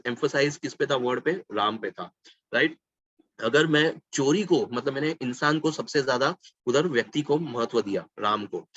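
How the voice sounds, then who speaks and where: A man's voice: mid-range voice, fairly bright tone, highs cut off. A man leading a live sales training session, mixing Hindi with English phrases and quizzing his audience with "right?". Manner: stretches out and stresses single words to show emphasis; asks the audience questions, adds "right?".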